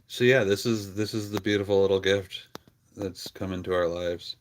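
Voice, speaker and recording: A low-voiced man hosts a relaxed livestream about his animals on a farm, chatting casually with an affectionate bit of pet talk. His intonation is fairly even, his pace normal, with slight background noise.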